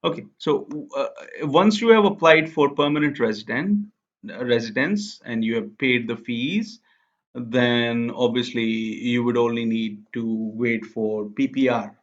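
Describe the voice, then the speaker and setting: An Urdu-speaking immigration explainer, a young man, leads a casual screen-share tutorial in a small indoor room. His medium-pitched voice stays unhurried as he breaks the process into steps, often saying "okay" to check in, on a somewhat dull lo-fi recording.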